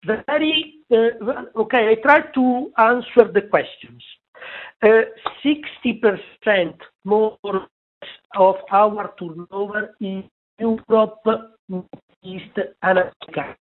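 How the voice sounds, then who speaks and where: A man answering analysts on an earnings call, halting with many filler sounds, heard over a clipped, dropping phone line. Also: high-pitched. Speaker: company executive answering analysts.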